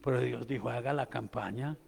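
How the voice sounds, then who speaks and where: A man, a pastor preaching a sermon in a church, moving from hushed storytelling to shouted proclamations. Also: mid-range voice, fairly quick, creaky, breathy edge, big-room sound. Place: church sanctuary.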